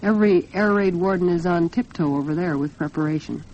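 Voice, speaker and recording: An American woman hosts a 1940s women's radio talk program, delivering commentary and a sponsor read in an earnest, articulate, polished manner. Her fairly low, slightly mellow voice moves a little fast, heard through a dull lo-fi 1940s recording with slight background noise.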